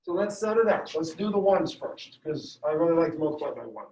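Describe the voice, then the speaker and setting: High-voiced man teaching math in class. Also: expressive, brisk, darkish tone. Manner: upbeat, walks students through steps. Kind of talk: classroom lecture. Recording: dull echoey room sound from far off.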